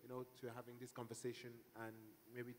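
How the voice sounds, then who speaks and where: A man from Cameroon introducing himself on a conference panel, steady with some fillers, on a handheld mic in a large hall. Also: mid-range voice, fast talker, a little hiss or hum. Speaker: panelist, hub director. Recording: long hall reverb.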